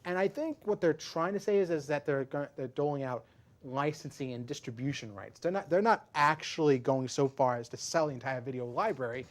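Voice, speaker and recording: A man's voice: fairly high pitch, fairly quick. A man co-hosting a wrestling podcast, explaining in a rambling way and often restarting his words. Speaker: podcast co-host. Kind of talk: casual wrestling podcast chat.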